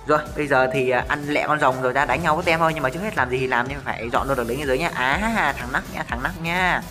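A man giving live commentary over his own mobile game match, talking excitedly to viewers and firing off rapid repeated callouts. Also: mid-range voice, faint music behind. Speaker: gaming streamer.

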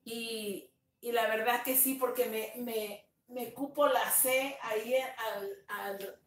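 A woman pastor speaking slowly and tenderly on a livestream, sharing a testimony and greeting viewers, sometimes slipping in English words. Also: a little high, steady tone, roomy sound, distant mic. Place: home room, dim. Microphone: phone on a live stream.

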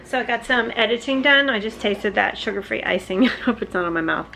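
A woman's voice: fairly high pitch, expressive, brisk, creaky, pushed and bright, slight background noise, rough recording. A woman in her forties chatting casually on a home vlog from her kitchen, rambling and laughing often. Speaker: vlogger. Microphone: camera on the counter, sometimes handheld.

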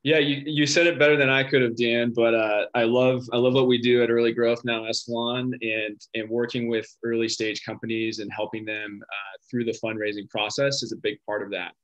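A man's voice: medium pitch, level tone, a little fast, a bit bright, highs cut off. Enthusiastic man hosting a panel. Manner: enthusiastic, restarts phrases. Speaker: company sales director hosting. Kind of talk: hosting a video call panel. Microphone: video call.

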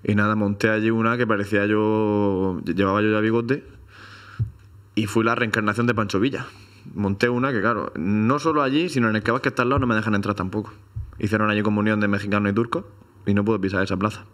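A man's voice: fairly low pitch, fairly even intonation, fast, fairly bright tone. A man from Spain co-hosting a comedy chat, rambling through absurd stories with hesitant fillers. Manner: rambling, tells tall tales with hesitant fillers. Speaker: comedy podcast co-host.

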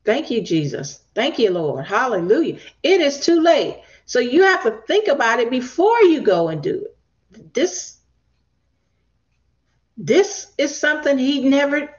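A woman gives an unhurried Bible teaching, her pitch rising and falling widely as she reads scripture and breaks in with asides and praise. The recording sounds dull and lo-fi. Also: sing-song. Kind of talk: scripture reading and sermon teaching.

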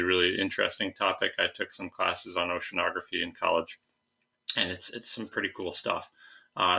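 A young man gives an informal science lecture in a low voice with some fry in it. He explains in a halting, conversational way, talking students through his slides. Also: sharp tone. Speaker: science teacher. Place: indoors, recorded at a computer.

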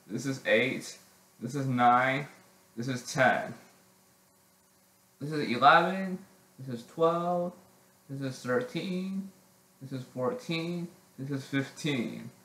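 A teenage boy chatting casually in a vlog, halting with many restarts and frequent throat clearing. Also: medium pitch, a bit bright, reverberant, poor audio. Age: teens. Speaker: vlogger.

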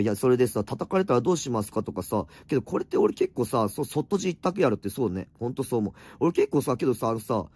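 A middle-aged man with a slightly hoarse voice, chatting casually on a late-night livestream from home, reading viewer comments and answering them bluntly with teasing, rough asides. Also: fairly low pitch, a little mellow. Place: at home, wrapped in an electric blanket.

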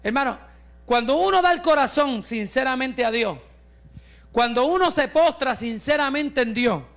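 A man in his forties, a pastor giving a fervent testimony sermon that rises to shouts, with joking asides. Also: very high voice, animated, normal speed. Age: 40s.

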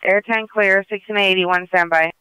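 Male police dispatcher, higher-pitched and forceful, procedural delivery over police radio. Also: steady tone, moderate pace, smooth, no room sound, low-quality recording. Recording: police scanner radio transmission.

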